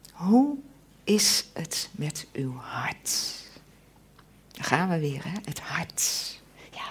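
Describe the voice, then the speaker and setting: A woman preacher giving a sermon, slow and emphatic, often dropping into an intense whisper. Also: breathy edge. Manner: slow and emphatic, with lively swings of pitch.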